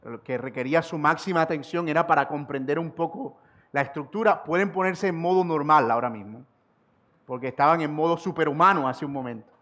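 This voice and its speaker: A man preaching an expository sermon as pastor, repeating key sentences slowly for emphasis and rising in force on rhetorical questions. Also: fairly high pitch, fairly bright tone.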